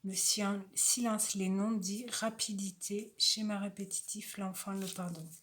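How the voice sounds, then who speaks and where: A woman reads oracle cards aloud in a soft, casual voice and stops for chatty asides to her viewers. She speaks slowly and without hurry. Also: medium pitch, little pitch movement. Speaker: oracle card reader. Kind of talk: casual oracle card reading.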